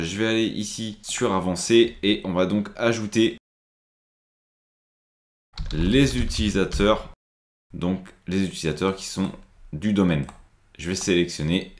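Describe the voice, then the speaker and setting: A man's voice: lowish voice, echoey room. A man presenting a screen-recorded IT tutorial, explaining step by step with frequent hesitations.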